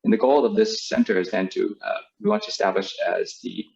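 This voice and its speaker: Giving a webinar over video call, a Vietnam-born, US-raised business school professor in his forties speaks in a low, gravelly, darkish voice with big pitch swings. He talks a little fast and often uses fillers and restarts. The audio from his video call microphone is dull and lo-fi.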